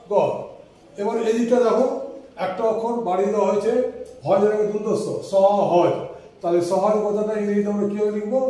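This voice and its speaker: A man's voice: high voice, mellow, very echoey, distant mic, low-quality recording. A man teaching an English class, patiently repeating and spelling out letters one by one. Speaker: English tutor. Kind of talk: online class explanation.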